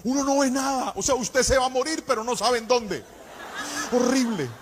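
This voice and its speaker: A man delivers a fervent sermon in a high, lilting voice that rises and falls like a song. He tells his story and calls out directly to his listeners. A faint hiss of noise sits under him. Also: moderate pace. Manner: impassioned sing-song preaching with storytelling. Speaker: pastor.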